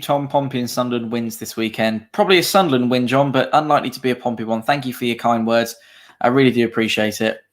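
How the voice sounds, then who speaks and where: A man hosting a live fan stream, calling the match and chatting with his co-host while reading out viewer comments. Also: medium pitch.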